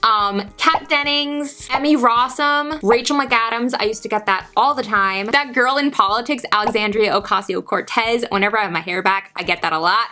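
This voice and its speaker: A woman's voice: on the high side, normal speed, few pauses, bright, forceful tone, soft background music. A young woman in her twenties chatting casually to her viewers in a Q&A vlog, bubbly and full of "like". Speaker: YouTuber.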